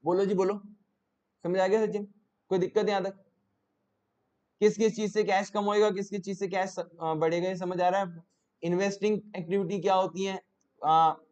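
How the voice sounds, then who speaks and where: A man's voice: high voice, level tone, fairly quick, a little mellow, smooth, dull audio. A male teacher giving a classroom lecture, repeating each question to his students and coaxing answers out of them. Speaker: commerce teacher.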